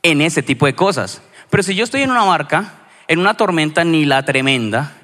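A man with a Colombian accent from Cali, a pastor giving a sermon in a conversational, storytelling way with lively asides. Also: a little high, brisk. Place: church hall. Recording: reverberant church hall.

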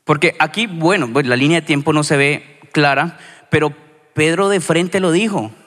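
A man with a Colombian accent from Cali, a pastor giving a sermon in a conversational, storytelling way with lively asides. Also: a little high, normal speed. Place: church hall. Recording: reverberant church hall.

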